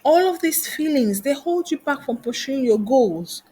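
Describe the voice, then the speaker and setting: A career coach and trainer delivers a motivational teaching talk, peppering her lesson with rhetorical questions. Her voice is high-pitched and dark in tone, and she speaks animatedly at a moderate pace.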